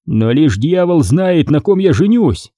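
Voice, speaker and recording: A man's voice: fairly high pitch, sing-song, measured pace, mellow, no room sound, pitched above the performer's own voice. A man voicing a wry, weary adventurer in an audiobook, dry and tired in manner. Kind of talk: audiobook character voice.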